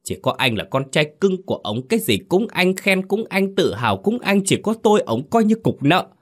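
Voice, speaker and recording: A man's voice: high-pitched, big pitch swings, moderate pace, a little mellow, pitched above the performer's own voice. A man voicing a guilty, resentful young younger brother in a horror story reading, whiny and defiant. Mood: bitter. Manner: pleading then bitter and defiant.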